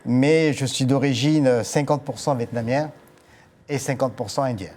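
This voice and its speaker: A man's voice: mid-range voice, moderate pace, a little mellow. An older man being interviewed on TV as a departing director, speaking formally with frequent hesitations. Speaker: guest, agency director. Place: TV studio.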